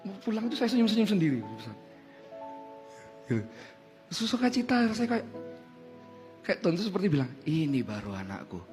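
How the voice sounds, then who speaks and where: A man's voice: high-pitched, expressive, brisk, long pauses. Emotional man giving a testimony, music behind. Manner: emotional storytelling, swings from hushed to loud. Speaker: worship leader. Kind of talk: testimony sermon.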